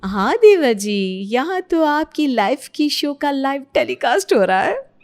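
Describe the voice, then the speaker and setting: A sarcastic elder sister-in-law, as a woman puts her on in a cartoon story, who teases in a mocking way. The voice is pitched high and the delivery is unhurried. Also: very animated, a little mellow, heavily acted. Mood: teasing.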